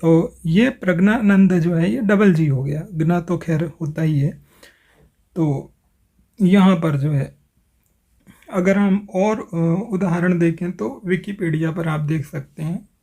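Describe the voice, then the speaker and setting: A man calmly explains pronunciation in a tutorial, slowing down to spell out sounds. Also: fairly high pitch, gravelly. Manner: careful, slows to spell out sounds. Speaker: language explainer. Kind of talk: explanatory tutorial, reading from screen.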